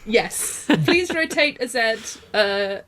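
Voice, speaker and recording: A woman's voice: on the high side, animated, slow pace, a bit bright. A woman co-hosting a podcast in casual chat, bubbly and rambling, often backtracking mid-sentence. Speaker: podcast co-host.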